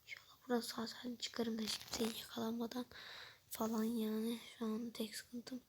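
A woman's voice: on the high side, fairly even intonation, fast talker, vocal fry. A woman playing a hungry, stressed young diner. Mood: whispered fretting. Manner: slips into hushed whispered asides to the viewers. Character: flustered young woman waiting for food at a restaurant, hungry and stressed. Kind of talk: toy role-play narration.

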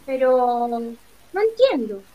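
A woman's voice: a little high, big pitch swings, very slow, warm tone, lo-fi sound, exaggerated voice. A woman voicing a brave young girl who asks earnest questions.

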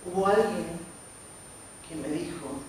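A man in his forties speaks with an Argentine accent and a slightly high voice, telling his own story as a sermon and acting out what others said to him. He sounds set back from the mic in a very reverberant church hall. A faint noise floor sits under his voice. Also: takes it slowly, recorded from a distance. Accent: Argentine Spanish. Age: 40s. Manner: storytelling with acted quotes of others. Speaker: preacher. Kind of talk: sermon testimony. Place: church sanctuary.

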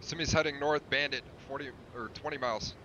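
A man calls out terse pilot readbacks through a muffled oxygen-mask radio. His voice is bright and hurried, and the dull lo-fi radio carries a faint engine rumble underneath. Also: fairly even intonation. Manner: clipped, quick readbacks. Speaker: fighter pilot in a flight simulator.

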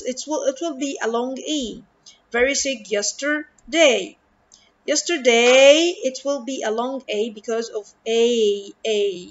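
Woman english teacher w/ arabic accent, high voice, drags words out slow, kinda muffled lo-fi audio. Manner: slow and deliberate, stretching words for pupils, mixing in Arabic glosses. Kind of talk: recorded online lesson.

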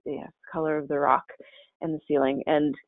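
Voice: medium pitch, little pitch movement, moderate pace, no echo. A caver giving a casual, chatty slide-show presentation in a webinar, with many fillers and restarts. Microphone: webinar call mic. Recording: tinny, dry webinar call audio.

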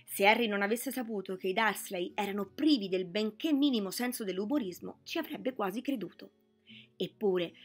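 A woman reading a novel aloud as scripted narration at a steady, even storytelling pace. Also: mid-range voice, slightly rough. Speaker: audiobook reader. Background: soft background music.

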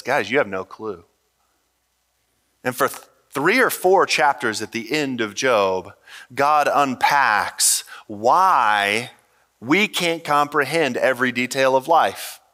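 A man delivers a church sermon in a bright, forceful voice. His pitch sits in a middle register, and he keeps the tone earnest and conversational, pausing often as he speaks directly to his listeners. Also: animated, in a large hall. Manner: earnest, conversational preaching with pauses. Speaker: pastor. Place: church stage.

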